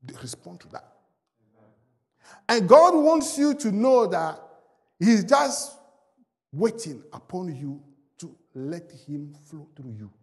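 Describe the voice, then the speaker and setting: A man's voice: sits high, sing-song, slow pace, long pauses, big-room sound. A middle-aged man preaching a sermon and telling a testimony, with emphatic rising and falling delivery. He is a native French speaker. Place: large church hall.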